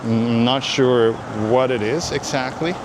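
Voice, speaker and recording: A man's voice: mid-range voice, steady tone, unhurried. A man hosting a casual walking vlog, chatting in a hesitant, meandering, conversational way. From Aruba. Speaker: vlog host. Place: outdoors, walking along a road. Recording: noisy outdoor street with traffic. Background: clear outdoor street and vehicle noise.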